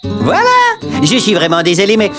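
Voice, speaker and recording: A woman's voice: mid-range voice, wildly swooping pitch, normal speed, over music. A woman voicing an eager, chivalrous little knight in a cartoon, with an earnest, instructive manner.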